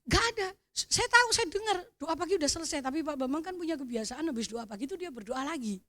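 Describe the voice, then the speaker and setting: A middle-aged woman with a Javanese accent giving an animated sermon testimony, calling out to the congregation and swelling to near-shouts. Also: high voice, quick pace. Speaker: preacher.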